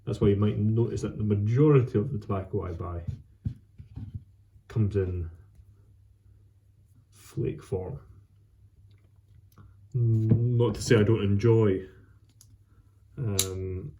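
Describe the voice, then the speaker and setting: A man chatting casually as a solo vlog host, with an unhurried, rambling and halting delivery. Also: fairly low pitch, fairly even intonation, dark tone, muffled recording, a little hiss or hum. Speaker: host of a pipe tobacco vlog. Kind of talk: casual solo chat to camera.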